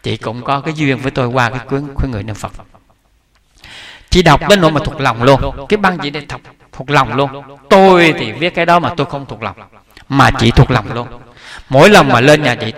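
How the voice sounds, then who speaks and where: A man's voice: fairly high pitch, a bit bright. Man giving a buddhist talk, rambling storytelling, lots of restarts. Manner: conversational, repetitive restarts, chuckling asides. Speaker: Buddhist preacher. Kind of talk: storytelling sermon.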